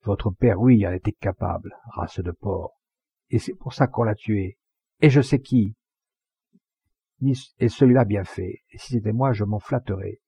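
A man's voice: lowish voice, moderate pace, creaky, dark tone, breathy edge, no echo, highs cut off. A man voicing a proud, hot-tempered Provençal poacher in a storybook reading, with scornful, fiery retorts. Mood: furious.

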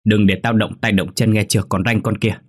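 A man's voice: deep voice, fairly even intonation, fast talker. A man voicing a violent, greedy grown son who threatens his family. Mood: menacing.

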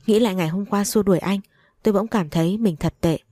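A woman's voice: mid-range voice, quick pace, warm tone, dry recording, studio quality. A woman narrating a first-person story in an earnest, emotional reading.

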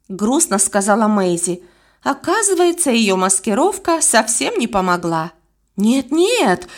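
A woman narrating a children's audiobook in an expressive storytelling way. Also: fairly high pitch. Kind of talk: scripted narration.

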